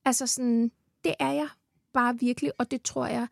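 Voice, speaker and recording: A woman's voice: a little high, fairly even intonation, gravelly, a little mellow, no echo, studio quality. A heavily pregnant Danish woman chatting as a podcast guest, enthusiastic, swearing freely and laughing often. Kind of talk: casual chat. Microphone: studio mic.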